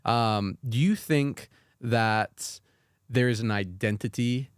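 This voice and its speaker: Smooth-voiced male podcast host. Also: mid-range voice, slow, no echo, studio quality. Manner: relaxed, conversational, asks long rambling questions. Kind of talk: casual interview chat. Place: podcast studio in Las Vegas.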